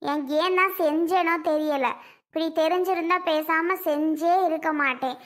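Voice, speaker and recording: A woman's voice: very high voice, steady tone, normal speed. A woman voicing a grumbling aunt in a cartoon family serial who complains about the cooking she did.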